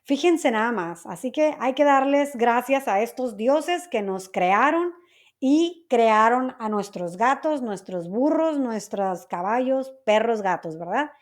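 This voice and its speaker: A woman's voice: on the high side, animated, slow pace. A woman teaching Spanish vocabulary to learners, explaining each word patiently and often checking that her listeners understand. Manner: patient, checks understanding with repeated tag questions.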